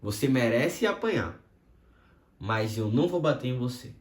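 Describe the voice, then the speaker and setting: A man voicing a calm, patient father who speaks low and gently to his son. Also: moderate pace, lightly acted. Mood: calm, gentle. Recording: roomy echo.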